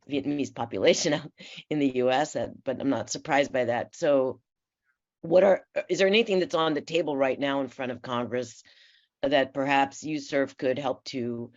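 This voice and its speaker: A woman's voice: rumbling low, a little mellow. Polite woman commissioner, muffled audio. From San Francisco Bay Area, USA. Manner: measured, polite, with frequent fillers. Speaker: commission member. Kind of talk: questioning panelists at a formal hearing. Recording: muffled, slightly dull audio.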